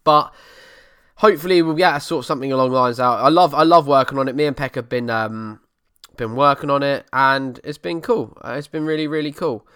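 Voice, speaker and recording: A man's voice: medium pitch, brisk, fairly bright tone, smooth, no echo, clean studio sound. A man with an Essex accent, hosting a podcast and casually chatting through listener questions, sometimes dropping letters from his words. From Essex, England. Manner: drops letters, over-pronounces some words. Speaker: podcast host.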